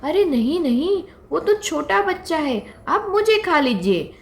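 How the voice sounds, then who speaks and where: A woman's voice: very high-pitched, sing-song, unhurried, a little hiss or hum, pitched above the performer's own voice, exaggerated voice. A woman voicing a loving mother deer who pleads to protect her child. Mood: protective pleading.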